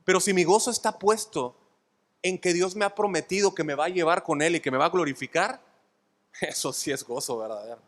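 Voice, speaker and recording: Mexican pastor preaching in an echoing hall. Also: male voice, sits high, a little fast, fairly bright tone. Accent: Mexican Spanish. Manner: asks the congregation "¿sí?" often, emphatic and repetitive. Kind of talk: expository sermon. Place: church sanctuary. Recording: long hall reverb.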